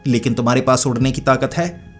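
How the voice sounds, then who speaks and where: A man's voice: mid-range voice, brisk, soft background music, close to an everyday voice. A man voicing a stern, proud old female witch leader who scolds and commands.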